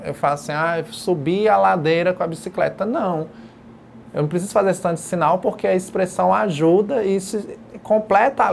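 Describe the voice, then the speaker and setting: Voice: mid-range voice, vocal fry, a little hiss or hum. A sign language teacher giving a recorded distance-learning lecture, explaining patiently and step by step while demonstrating signs. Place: educational video studio.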